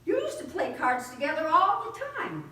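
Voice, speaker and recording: A woman's voice: sits high, huge pitch swings, normal speed, bright, forceful tone, full character voice. A woman playing a prim, needling, gossipy old friend in a community theater play. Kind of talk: community stage play acting. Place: theater stage in a hall. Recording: echoey hall, miked from far off.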